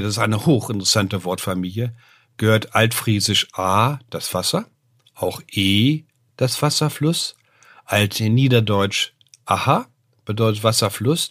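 A man's voice: mid-range voice, no echo, clean studio sound. An older man, a name researcher and professor, explaining word origins in a podcast, with many "ne?" tags and filler sounds. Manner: lecturing, often adds "ne?" and "äh", lively rises.

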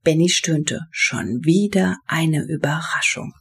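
A woman narrating a children's storybook in a calm, even manner. Her voice sits a little low and has a soft, breathy grain. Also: slow pace. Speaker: audiobook narrator.

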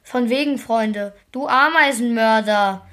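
A woman's voice: a little high, unhurried. A woman doing an angry, accusing schoolboy. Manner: accusing, sharp. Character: angry, upset schoolboy, knows about ants. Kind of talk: storybook reading.

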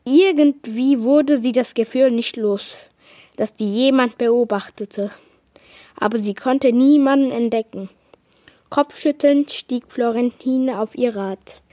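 A woman reads a children's story aloud at an unhurried pace. Her voice sits a little high and sounds close and dry. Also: warm tone, no echo. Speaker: reader. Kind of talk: children's book reading.

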